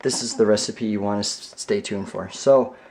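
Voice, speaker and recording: A man's voice: lowish voice, level tone, a little fast, very noisy. A young man talking casually to his camera while shopping and baking, joking and laughing as he goes. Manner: chatty and joking, laughs often. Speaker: vlogger. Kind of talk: casual vlog chat. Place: home kitchen and a store.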